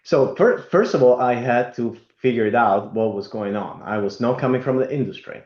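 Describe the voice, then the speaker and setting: A man from Italy, speaking as an interview guest in a halting way with many fillers and restarts. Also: medium pitch. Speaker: guest, company executive. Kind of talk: conversational interview. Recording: roomy, dull lo-fi remote audio.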